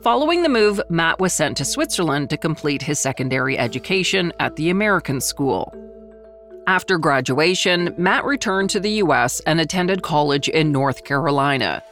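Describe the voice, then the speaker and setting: A woman hosting a history podcast, reading scripted documentary narration in a measured storytelling manner. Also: sits low, lively intonation, fairly bright tone, soft background music.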